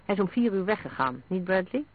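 A man's voice: high-pitched, animated, fast talker, a little hiss or hum. A man voicing a brusque police chief who gives short, commanding orders. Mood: explaining. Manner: curt, commanding. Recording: narrow phone-like sound.

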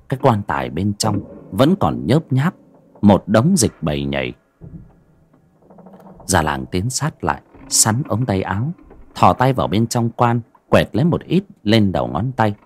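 A man narrating a horror story in an expressive, dramatic way. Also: fairly low pitch.

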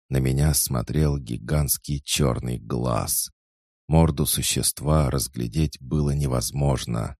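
A man narrates a first-person fantasy audiobook in a measured, steady way. His voice is extremely deep and gravelly. He speaks slowly into a dry, close mic. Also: dry recording.

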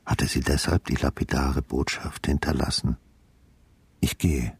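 The actor's low, husky male voice plays a retired homicide detective, sardonic and brooding, narrating a literary radio drama through deliberate inner monologue. It's a full character voice with fairly even intonation, recorded with no room sound.

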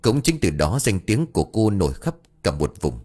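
A man narrating a ghost story for an audiobook in an expressive, dramatic storytelling manner. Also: sits low, moderate pace, husky. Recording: narration over faint background music.

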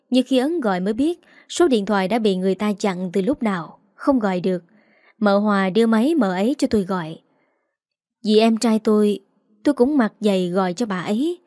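A woman narrating a first-person story in a steady, earnest reading voice. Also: mid-range voice, no room sound, clean studio sound.

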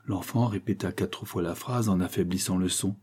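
A man narrating a short story in a measured, even audiobook reading. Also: low-pitched, breathy edge.

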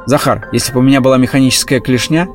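A man voicing a calm, scheming male cat who talks in a slow, matter-of-fact way in a storybook reading. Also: medium pitch, soft background music, lightly acted.

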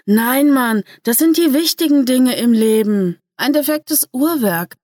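A laid-back young biker lad with a gloomy streak, as a woman reads him, in a dry, close voice with a slightly raised pitch. He sounds cool and unbothered in a story reading. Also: animated, unhurried, a little mellow, no echo.

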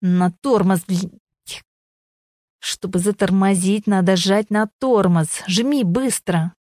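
A woman voicing a gruff man who shouts and swears while teaching someone to drive, in an audiobook. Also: medium pitch, slow, no echo, studio quality, natural voice. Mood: exasperated shouting.

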